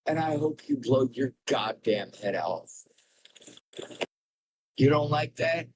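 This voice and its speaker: A man's voice: mid-range voice, expressive, slow pace, a little mellow, slight background noise, low-quality recording. A man ranting furiously at his viewers during a livestream, anguished and in emotional distress, swearing heavily. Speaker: streamer. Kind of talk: raw livestream rant.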